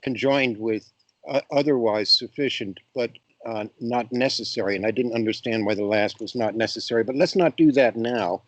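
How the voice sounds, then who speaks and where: A man's voice: medium pitch, moderate pace, dry recording. Male moderator, dry close voice, easygoing self-deprecating guide of the talk. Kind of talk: casual academic discussion. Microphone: video call.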